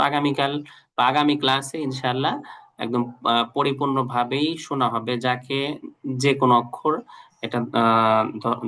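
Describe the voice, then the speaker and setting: A man teaching an online Quran reading class, patiently repeating letter sounds slowly for his students. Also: medium pitch, sharp tone.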